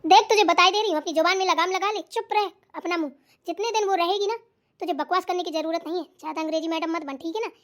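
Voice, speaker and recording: A bossy mother-in-law scolds and taunts with old sayings in a very high, thin voice, voiced by a woman. She is a sharp-tongued elder of a cartoon household. Her speech swings between fretting and stern lecturing. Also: fast talker. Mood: scolding. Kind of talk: cartoon voice acting.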